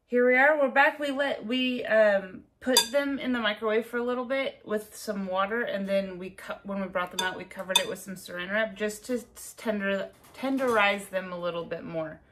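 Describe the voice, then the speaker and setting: A woman hosts a casual cooking tutorial in her home kitchen, chatty and instructive as she guides a helper step by step. Her mid-range voice moves at a moderate pace with hardly any pauses. The background is noisy with the clatter and clinking of dishes, cutlery and utensils.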